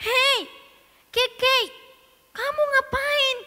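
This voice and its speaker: Woman doing a shrill bossy big-sister girl, sharp and very high, long hall reverb. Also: measured pace, heavily acted. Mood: scolding. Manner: scolding, shrill, tattling.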